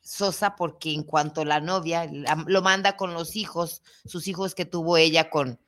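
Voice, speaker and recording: Lively woman telling a story. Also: deep voice, measured pace. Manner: animated, colloquial, jokey, with frequent restarts and asides. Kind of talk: casual storytelling chat.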